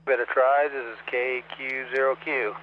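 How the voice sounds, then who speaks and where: A man checking in on an amateur radio net, talking in a halting way with many fillers, heard over a two-way radio with faint static. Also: mid-range voice, level tone, narrow, tinny audio. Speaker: ham radio operator checking in.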